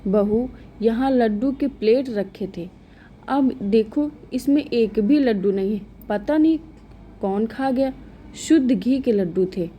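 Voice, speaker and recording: A woman voicing a strict, sharp-tongued middle-aged mother-in-law in a storybook tale, scolding and raising her voice. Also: a little high, measured pace, dull audio, a little hiss or hum, lightly acted. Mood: upset.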